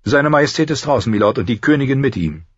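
Man putting on a loyal steward, earnest, reassuring, a bit raised, husky. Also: medium pitch, lively intonation, fast talker, dry recording, highs cut off, pitched above the performer's own voice.

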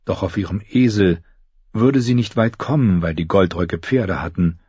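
A man narrating an audiobook in a measured, even storytelling voice, close to the mic. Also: low voice, breathy edge, dry recording, muffled recording. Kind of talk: scripted narration.

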